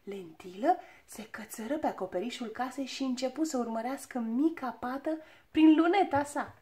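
A woman storyteller narrating a children's audiobook with a lively, expressive reading. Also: high voice.

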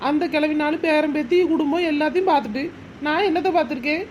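A woman's voice: sits high, fairly even intonation, fast talker, a little hiss or hum, close to an everyday voice. A woman voicing a sly, spiteful village woman in a cartoon, muttering sarcastic asides. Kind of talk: cartoon voice acting.

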